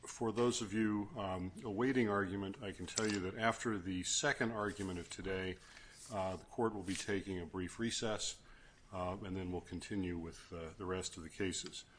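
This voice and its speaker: Male judge, slightly deep voice, halting procedural announcements, slightly noisy courtroom recording. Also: fairly even intonation, a bit bright. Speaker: presiding judge. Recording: faint noise and clicks.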